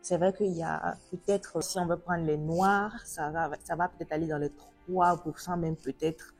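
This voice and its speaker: Woman host from Africa, lowish husky voice, chatty rambling questions, faint music behind. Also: steady tone, moderate pace. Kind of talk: casual interview conversation.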